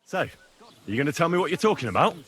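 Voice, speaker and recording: A man's voice: a little high, sing-song, very fast, fairly bright tone, breathy edge, exaggerated voice. An actor playing a plain-spoken young man in a video game, dry and worn thin by the company he keeps. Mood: exasperated. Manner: dry, exasperated, down-to-earth. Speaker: game protagonist. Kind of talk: video game cutscene acting.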